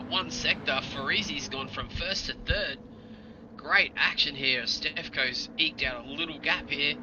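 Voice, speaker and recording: A man giving excitable play-by-play as a motorsport commentator during live racing. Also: medium pitch. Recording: loud engine and vehicle noise behind. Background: loud car and vehicle noise.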